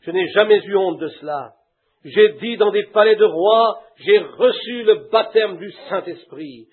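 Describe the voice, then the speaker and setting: A man's voice: high voice, unhurried, slightly rough. A man preaching a sermon fervently, breaking into hallelujahs and imitating a duck and a hen. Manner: fervent, with shouted hallelujahs and imitated animal calls. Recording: tinny phone-like lo-fi recording.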